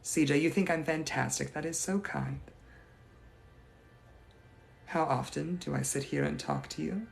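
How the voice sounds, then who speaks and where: Improvising live answers to viewers, a man plays an 1880s young lady's ghost, keeping his speech formal, gracious and old-fashioned. His voice is on the high side, creaky and unhurried, with frequent pauses.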